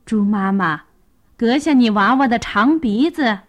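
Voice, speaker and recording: A woman's voice: a little high, animated, unhurried. A woman voicing a bumbling, dizzy male bear doctor in a children's story. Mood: bossy.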